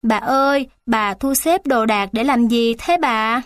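A frightened little child pleads in a high, small voice, as a woman storyteller puts it on. The reading is dry, with no room sound. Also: a little slow, no echo, close to an everyday voice. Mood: pleading. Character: frightened young child begging grandmother.

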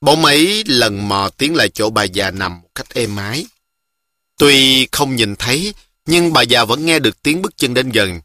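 A man reading a story aloud in a slow, deliberate, emotive way. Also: medium pitch, animated, sharp tone, no echo, studio quality. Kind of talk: scripted story narration.

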